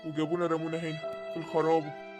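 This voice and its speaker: A woman voicing a ruined, remorseful father with an Egyptian accent, weary and pleading, in an animated drama. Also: deep voice, fast, over music, lightly acted. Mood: bitter.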